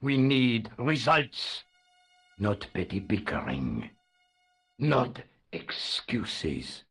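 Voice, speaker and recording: An actor playing the menacing leader of a secret order in a video game, speaking slowly in a cold, commanding way. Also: male voice, medium pitch, big pitch swings, a bit bright, husky, full character voice.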